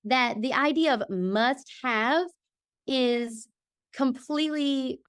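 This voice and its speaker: A woman with a high voice, a guest on a video call, explains her points in a lively, emphatic way. She keeps checking in with "okay?" as she talks, and her tone stays casual and chatty. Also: slow pace, clear, resonant tone. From Georgia, US. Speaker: podcast guest. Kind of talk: casual interview chat.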